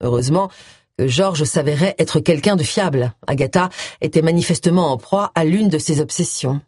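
An audiobook reader doing scripted narration with an expressive, lively delivery. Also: medium pitch, normal speed, breathy edge, no echo, studio quality.

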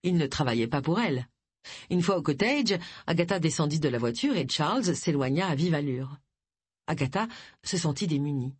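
A narrator reading a mystery novel with plenty of melodic movement and a husky, breathy texture. The sound is close and dry, like a studio audiobook. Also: medium pitch, animated, moderate pace, no room sound. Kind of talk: scripted narration of a crime novel.

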